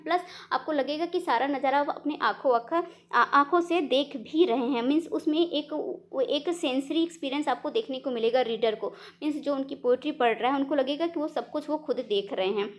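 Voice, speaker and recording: A young Indian woman teaching an exam-prep lesson, explaining patiently in mixed Hindi and English, asking rhetorical questions and reading English definitions slowly. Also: high-pitched.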